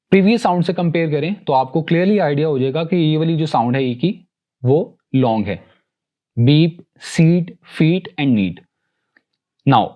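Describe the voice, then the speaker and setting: A man teaching English pronunciation, explaining rules and slowly sounding out example words one by one, switching between Hindi-Urdu and English. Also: fairly high pitch, lo-fi sound. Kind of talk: recorded lesson.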